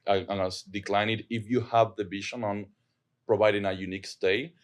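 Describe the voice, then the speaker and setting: Speaking fairly quickly with fairly even intonation, a man with a fairly low voice and an Argentine Spanish accent appears as a podcast guest. He manages property and talks earnestly in a casual chat, repeating words as he works through his thoughts.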